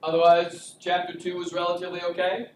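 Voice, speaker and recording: A man's voice: high voice, monotone, brisk, distant mic, slight background noise. A man teaching a statistics class in a casual, joking lecture style, quizzing his students. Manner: joking, chatty, asks class questions. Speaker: statistics instructor. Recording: echoey classroom recorded from afar.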